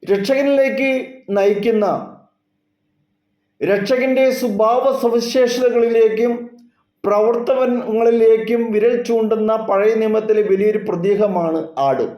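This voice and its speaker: High-voiced man preaching in an echoey room. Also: fairly even intonation, dark tone. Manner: slow, measured phrasing with drawn-out words. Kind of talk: sermon. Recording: echoey, dull lo-fi room sound.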